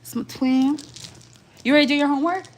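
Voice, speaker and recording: A fast-talking young woman with a high voice rambles through a casual livestream at home. She is from the southwestern United States, specifically Arizona and Las Vegas, and her talk is slangy and informal.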